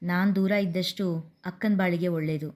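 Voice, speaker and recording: A woman's voice: on the low side, fairly even intonation, moderate pace, darkish tone, close to an everyday voice. A woman voicing a headstrong young college woman who insists and pleads in a story reading. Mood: firm. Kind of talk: storybook narration.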